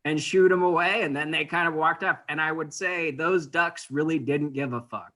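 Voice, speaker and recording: A man's voice: a little high, normal speed, background noise. A laid-back man telling a casual story in banter, swearing freely. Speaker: panelist.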